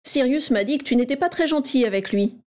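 A woman's voice: sits high, fairly quick, darkish tone, pitched above the performer's own voice, close to an everyday voice. A woman voicing a cocky, mocking schoolboy who bullies a younger pupil, in a raised, taunting voice. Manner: taunting, showy.

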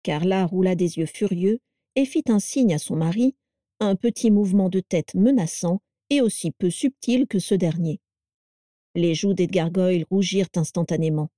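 A woman narrating a storybook audiobook in an even, expressive reading voice. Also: fairly low pitch, no room sound, studio quality.

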